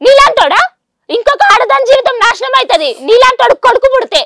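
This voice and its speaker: Tearful young woman with a very high voice. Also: expressive, fairly quick, vocal fry, heavy background noise. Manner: tearful, pleading, accusing. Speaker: daughter of the troubled family.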